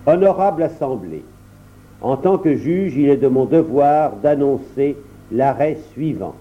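A stern judge lays out a verdict in slow, formal pronouncements, as a male narrator puts him on. His delivery is lively in pitch, and the recording sounds dull and lo-fi. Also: lightly acted. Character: stern, sly man acting as judge.

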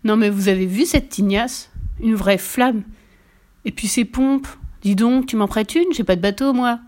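A woman voicing a tough, mocking boy who leads a gang, loud and jeering, in a storybook reading. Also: on the high side, a little slow, lightly acted.

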